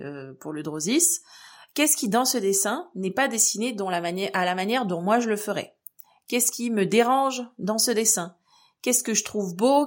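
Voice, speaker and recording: A young woman from France hosting a solo podcast, talking in a relaxed, conversational way with frequent fillers. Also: mid-range voice. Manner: conversational, many fillers and restarts. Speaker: podcast host.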